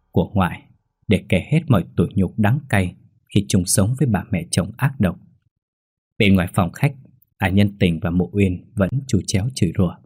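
A man narrating a scripted story in a steady, measured reading. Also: on the low side, breathy edge.

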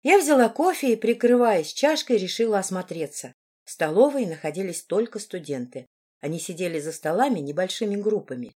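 A woman reading a first-person audiobook in an even, measured way. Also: mid-range voice, slightly rough. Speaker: audiobook narrator.

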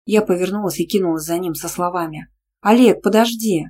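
A woman's voice: on the low side, fairly even intonation, fast talker, a little mellow, slight background noise. Woman narrating a first-person novel. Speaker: audiobook narrator.

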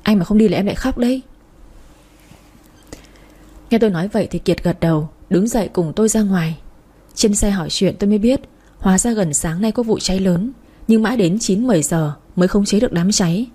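Husky woman narrating. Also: mid-range voice, dark tone. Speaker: story narrator. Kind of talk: first-person story reading.

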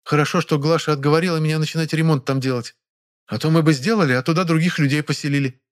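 A grand, sharp-tongued old actress, put on by a male narrator in a storybook reading. Her voice sits high above a man's usual register, haughty and theatrical. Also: fairly even intonation, quick pace, close to an everyday voice.

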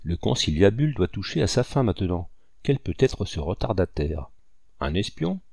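A man's voice: deep voice, sing-song, normal speed, creaky, darkish tone, no echo, studio quality, heavily acted. A man voicing a tough male hunter who talks in a mocking, teasing way. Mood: wary.

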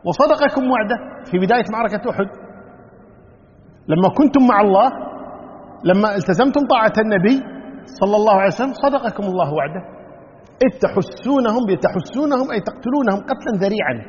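A man's voice: sits high, expressive, fast, pauses often. A man preaching an Islamic sermon, explaining Quran verses word by word and repeating key phrases, in a lo-fi recording from a hall. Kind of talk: Quran tafsir lesson. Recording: dull lo-fi recording with hall reverb.

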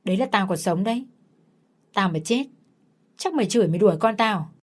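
A woman's voice: mid-range voice, lively intonation, brisk, natural voice. A woman voicing a harsh, accusing middle-aged mother-in-law. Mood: scolding.

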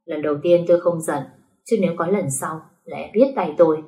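A woman voicing a cold, teasing young lord in a spoken story, talking in a slow, possessive murmur. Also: sits low, mellow.

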